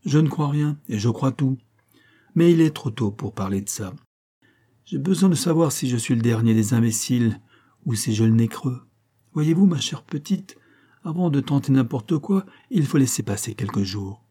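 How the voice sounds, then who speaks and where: A man reading the part of a cheeky, shrewd young actor turned detective, in a wry, easy-going way and a dark, husky voice. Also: medium pitch, expressive, moderate pace, lightly acted.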